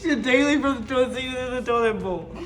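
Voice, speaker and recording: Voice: sits high, fairly quick. A livestream host chatting casually while cooking, with crude, profane, teasing banter aimed at viewers and stammered, repeated phrase openings. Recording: music and sizzling pan behind. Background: music, food frying.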